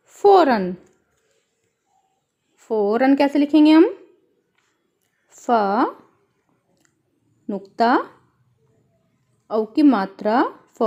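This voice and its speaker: A woman teacher with a high, mellow voice explains a worksheet to children, spelling out words syllable by syllable and calling her pupils "beta." The sound is lo-fi.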